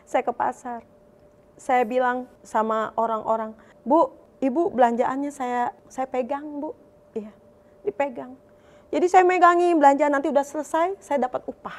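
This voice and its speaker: A woman with a high voice telling her own faith testimony. She speaks with deep feeling, and her voice rises and strains when she retells her prayers. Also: steady tone, moderate pace. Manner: emotional, voice rising high when recalling prayers.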